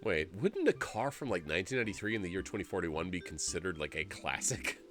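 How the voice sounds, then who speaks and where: Streaming a story game, a man in his forties reads the narration aloud in a low voice and talks fast. He's animated and full of jokes, laughing often and rambling as he goes.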